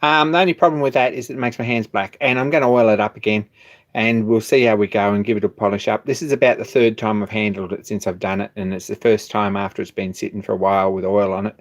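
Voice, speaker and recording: A man's voice: on the low side, steady tone, fast talker. A man, hosting a hobby machine shop live stream and chatting casually, rambling with restarts and chuckling now and then.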